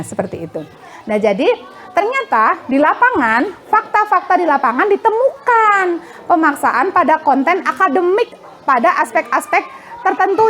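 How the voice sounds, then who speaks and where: Lively high-pitched woman with a lilt, coaching mothers and playing both parent and child in her examples. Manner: acts out parents and children in quoted dialogue; chatty, laughs while explaining. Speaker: parenting class speaker.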